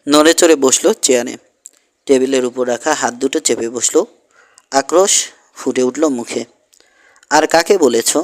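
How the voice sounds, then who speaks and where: Male narrator, audiobook, steady storytelling, middle pitch. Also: normal speed, pauses often. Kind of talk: scripted narration.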